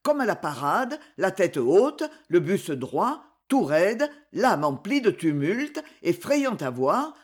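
An audiobook narrator telling an adventure story in a measured, unhurried way. The delivery swoops up and down expressively. The voice carries a husky, slightly breathy texture. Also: mid-range voice, very animated.

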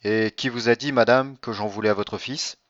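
A man's voice: fairly low pitch, fairly even intonation, moderate pace, fairly bright tone, no echo, close to an everyday voice. A man reading an audiobook, voicing a bitter, vengeful nobleman who speaks with cold irony. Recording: dull lo-fi dry recording.

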